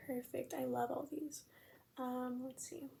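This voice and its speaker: A young American woman in an ASMR role-play as a friendly librarian, speaking in a gentle, unhurried, breathy library soft voice. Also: high-pitched, little pitch movement. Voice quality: soft-spoken, breathy near-soft voice. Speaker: ASMR performer playing a librarian at checkout. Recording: faint background noise.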